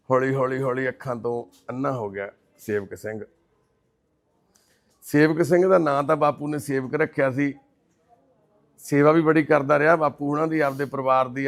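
Soft-spoken man narrating. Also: medium pitch, vocal fry. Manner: gentle, consoling, measured delivery. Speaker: charity worker presenting a case. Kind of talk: documentary-style narration and on-site questioning.

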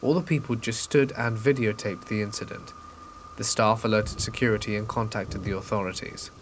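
A man narrating a true scary story in a calm, measured way, dropping quieter at tense moments. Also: fairly low pitch, slight background noise. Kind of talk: scripted narration.

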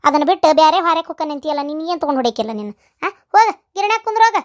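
A cackling-high, rapid old village woman from a comedy cartoon, scolding her family with a North Karnataka accent, as a woman puts her on. She talks in quick, piping bursts and keeps complaining that nobody values her. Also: big pitch swings. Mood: grumbling. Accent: North Karnataka Kannada. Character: grumbling self-pitying old village woman.

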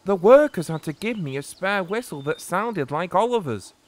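A man's voice: high-pitched, lively intonation, normal speed, pitched above the performer's own voice. A man voicing a cheerful, well-mannered male tank engine in a storybook tale. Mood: pleading.

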